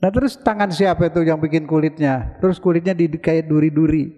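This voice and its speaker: A man's voice: fairly high pitch, a little fast, warm tone. A man from Indonesia giving a conversational sermon in a mosque, asking his listeners questions and answering them himself. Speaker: preacher. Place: large mosque hall. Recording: dull lo-fi recording with long hall reverb.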